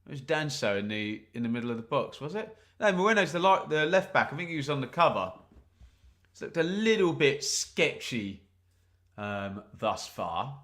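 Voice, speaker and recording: With a slightly bright, medium-pitched voice and big swings in intonation, this English host talks at a normal speed. He's running a live football watch-along, calling the action and bantering with viewers between jokes and asides.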